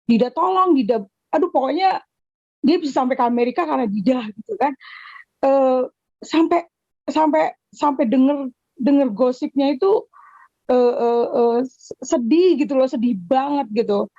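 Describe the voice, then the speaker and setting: A high-voiced woman with a darker, mellow tone talks haltingly on a video call, circling back over her words and slipping in English phrases. The sound is dry and lo-fi. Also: animated, dry recording. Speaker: caller asking a question. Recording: dull, dry lo-fi call audio.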